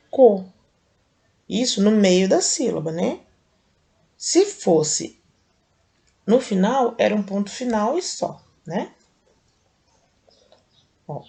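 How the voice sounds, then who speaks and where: A Brazilian woman teacher with a Brazilian Portuguese accent, slowly and patiently explaining a lesson step by step to young children. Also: mid-range voice, gravelly, a little mellow. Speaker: primary school teacher. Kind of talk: recorded video lesson for children.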